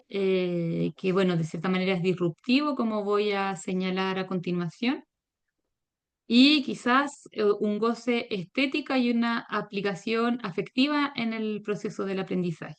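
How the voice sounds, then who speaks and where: A woman giving a virtual academic lecture, measured and hesitant, with frequent fillers. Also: a little high, clean tone. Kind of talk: academic presentation. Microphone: video call.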